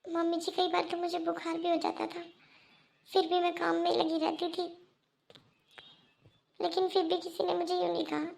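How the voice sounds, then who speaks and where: A woman's voice: very high voice, creaky, a little mellow, slight background noise, full character voice. A woman voicing a young orphaned daughter-in-law in a cartoon, dutiful and sorrowful, who pleads earnestly. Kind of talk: Hindi cartoon voice acting.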